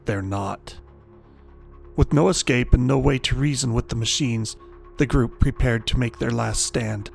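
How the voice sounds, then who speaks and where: A man narrates a horror story in a gravelly, mid-pitched voice, with a measured and dramatic delivery. Faint music runs underneath the narration. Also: steady tone.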